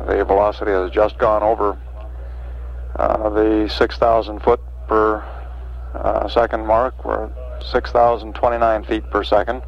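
A man giving matter-of-fact, halting mission control status commentary as a public affairs announcer. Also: fairly low pitch, little pitch movement, creaky. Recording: dull archival broadcast audio.

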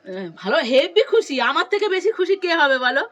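A middle-aged mother chats casually in a family vlog, teasing and in a hurry. Her voice is high and her words come quickly. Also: big pitch swings, a bit bright, dull audio. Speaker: vlogger's mother.

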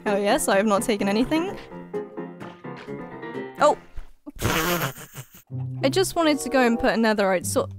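A high-voiced woman narrates her video game as she plays it, excitable and quick to panic. She repeats phrases in rapid bursts and laughs often, with music playing clearly underneath. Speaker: gaming YouTuber. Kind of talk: live gameplay commentary.

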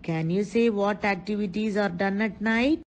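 A woman narrating a scripted lesson for young children, explaining slowly and simply and asking them questions. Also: medium pitch, low-quality recording. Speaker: kindergarten teacher.

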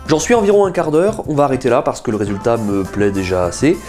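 A man's voice: medium pitch, quick pace, a little mellow, faint music behind. A man in his thirties hosting a science video, explaining and carrying out a chemistry experiment at a desk with an enthusiastic, chatty teaching tone. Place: small indoor room, seated at a table.

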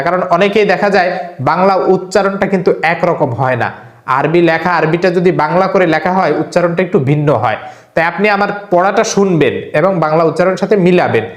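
Brief: male preacher, high voice, patient teaching, echoey room. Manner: earnest, repetitive, demonstrates with hands, recites verses slowly. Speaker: Islamic preacher. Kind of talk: religious instruction.

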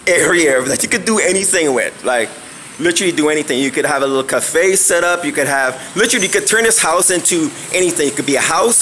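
A man's voice: fairly high pitch, pushed and bright, a little hiss or hum, poor audio. A man giving a casual walking house tour on a handheld phone camera, rambling and searching for words with many fillers. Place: empty house, indoors and on balconies.

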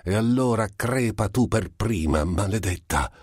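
A man voicing a furious, defiant young mother who works as a maid, shouting threats. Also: lowish voice, animated, unhurried, husky, dry recording, studio quality, voice pushed up.

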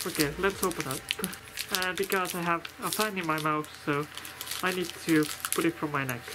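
A speaker from Estonia talks through a costume head, chatting casually and haltingly while unboxing snacks, often thinking aloud and restarting sentences. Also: medium pitch, fairly even intonation, heavy background noise. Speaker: vlogger opening a fan's snack package. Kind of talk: casual unboxing and taste-test chat.

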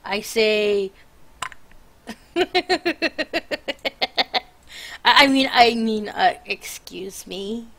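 A woman's voice: fairly high pitch, very slow, long pauses, fairly bright tone. A tired young woman live-streaming a game, chatting in a rambling, teasing way with her sister. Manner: rambling, teasing, self-interrupting. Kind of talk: casual live-stream chat.

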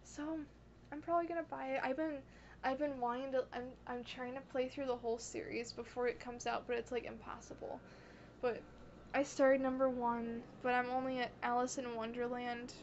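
Casting: young woman vlogger, high voice, excitable, rambling, self-conscious. Dull, lo-fi recording. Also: brisk. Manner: excitable, gushing, heavy on "like" and "oh my god"; self-conscious, apologetic asides. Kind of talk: casual rambling chat. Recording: dull lo-fi audio with faint hiss.

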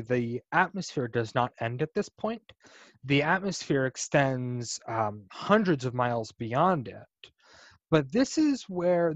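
A man giving a casual slide lecture about rockets on a video call, relaxed and explanatory, with frequent ums and restarts. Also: medium pitch, no room sound. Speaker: guest speaker presenting on spacecraft engineering. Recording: dull, dry video call audio.

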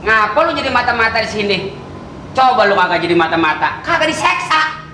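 A woman's voice: on the high side, lively intonation, fairly quick, bright, forceful tone. A woman playing a bossy, mocking captor with a Jakarta Betawi accent, coarse and taunting, in a TV drama. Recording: roomy, distant, faint background noise.

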